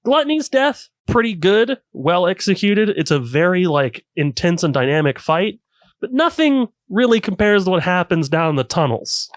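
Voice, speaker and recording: A man co-hosting a casual anime podcast, retelling scenes with animated enthusiasm. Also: sits high, moderate pace, no echo. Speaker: podcast co-host.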